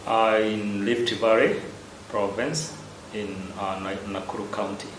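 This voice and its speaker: A Kenyan-accented man speaks as a parish priest, answering questions slowly and with many hesitations. His voice sits low. The room is echoey, and a steady background ambience sounds loud behind him. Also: a little hiss or hum. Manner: measured, unhurried, with frequent hesitations.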